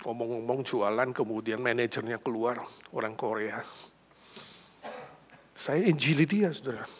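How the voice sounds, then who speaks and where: A middle-aged male pastor preaching a sermon with emphatic, lively storytelling that builds to loud peaks. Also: mid-range voice, a little slow, slight background noise.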